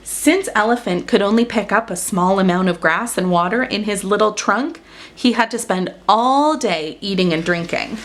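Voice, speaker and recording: A woman with a medium-pitched voice reads a children's picture book aloud at a normal speed. She narrates like a storyteller, leaning dramatically on the action words to make the story expressive.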